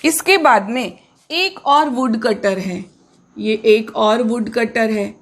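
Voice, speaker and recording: A woman teacher, explaining grammar to pupils in a relaxed, repetitive way and asking them questions as she goes. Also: on the high side, slow. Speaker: English teacher. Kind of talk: classroom lesson explaining grammar.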